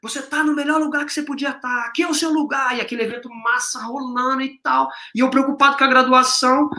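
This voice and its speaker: A man's voice: very high voice, quick pace. Paulista guy telling stories all fired up, lots of slang, kinda echoey room. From Brazil, São Paulo. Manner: slangy, excitable, acts out quoted dialogue. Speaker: guest, business owner. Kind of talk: animated storytelling in casual chat.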